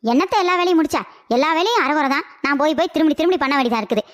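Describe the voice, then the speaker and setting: A woman voicing a shrill nagging wife who scolds her husband nonstop, in a cartoon comedy. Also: expressive, racing, a little hiss or hum. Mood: scolding. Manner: sharp, scolding, bossy.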